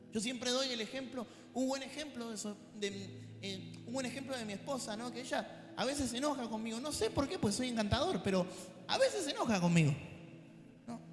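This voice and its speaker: A male pastor with a Rioplatense accent preaching a sermon, animated and dropping joking asides to the congregation. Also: very high voice. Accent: Rioplatense Spanish. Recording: echoey church hall with faint music.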